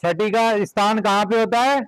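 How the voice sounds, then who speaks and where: Male teacher, high voice, brisk repeated classroom instructions. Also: a crowd in the background, rough recording. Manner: directive, repeats short commands.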